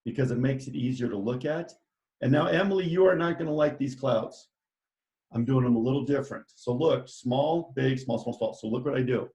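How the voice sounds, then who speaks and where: A cheerful man of middle pitch leads a children's art class. He chats along as he works and guides the students step by step. His voice echoes in a reverberant room. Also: fairly quick, dark tone. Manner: enthusiastic, chatty, directs students step by step. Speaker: art teacher.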